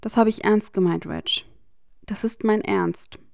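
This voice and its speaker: A woman voicing an earnest, gentle young man in a fan fiction audiobook reading. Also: mid-range voice, steady tone, a little slow, gravelly, no room sound, clean studio sound.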